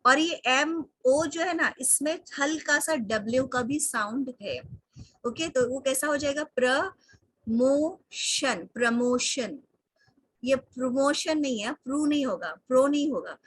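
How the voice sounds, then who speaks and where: Teaching English online, this high-voiced, bright-sounding woman carefully spells words out and says them repeatedly, blending English into what she explains. Her computer mic on the video call gives a close, dry sound without any echo.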